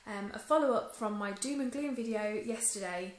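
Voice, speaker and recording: This casual phone review vlog features a woman speaking at a moderate pace in a fairly high voice, the phone held at arm's length. Chatty, um-heavy, and mildly disappointed, she's caught in a roomy-sounding, rough recording.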